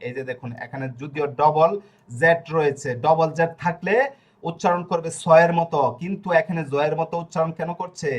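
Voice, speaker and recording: Male language teacher, a little high-pitched, patient and repetitive, sounds out syllables slowly. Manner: patient, repeats rules and breaks words into syllables slowly. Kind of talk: explaining Italian pronunciation in Bengali.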